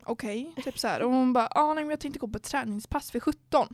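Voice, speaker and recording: A woman's voice: high voice, a little mellow, no room sound. A young woman hosting a podcast, chatting casually and telling a story while acting out what people said. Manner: storytelling, acts out quoted dialogue. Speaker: podcast host. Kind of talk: casual chat.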